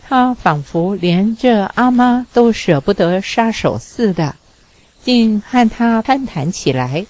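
A woman narrating an audiobook of literary fiction in a measured, even storytelling manner. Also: medium pitch, low-quality recording.

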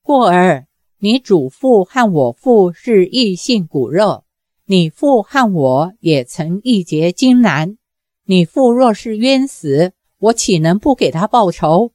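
Kind middle-aged martial hero, woman reading, earnest, grave, unhurried. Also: medium pitch, sing-song, a little mellow, no room sound, studio quality.

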